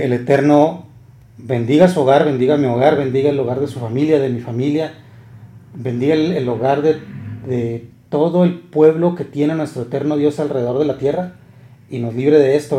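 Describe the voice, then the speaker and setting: Hesitant preacher in an echoey room. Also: male voice, mid-range voice, moderate pace, dark tone. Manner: hesitant, many fillers and repeated words. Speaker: preacher and Bible teacher. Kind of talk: scripture reading and sermon. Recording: roomy echo.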